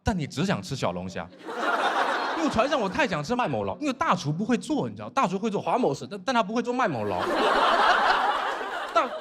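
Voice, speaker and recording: A man from Fujian performing a stand-up comedy set on stage, telling stories in an animated way and mimicking his shipmates in dry, flat asides. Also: high voice, a little fast, long pauses, heavy background noise. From Fujian, China. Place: comedy stage before a laughing audience.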